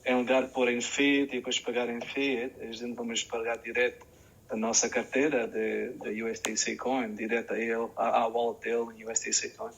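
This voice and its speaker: A man hosting a casual online chat, halting and repeating words as he searches for them. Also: mid-range voice, flat delivery, vocal fry, a bit bright, breathy edge, poor audio. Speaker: show host.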